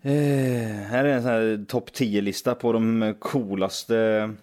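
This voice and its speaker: A man's voice: fairly low pitch, steady tone, a little mellow. A man co-hosting a casual podcast, reading out a top ten list and laughing often. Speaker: podcast co-host.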